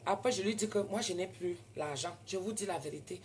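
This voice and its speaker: A woman with a Cameroonian French accent telling a story in casual talk, animated and prone to loud indignant outbursts. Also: fairly low pitch, brisk, a little hiss or hum. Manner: animated, switches into loud indignant retorts when quoting herself. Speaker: vlogger.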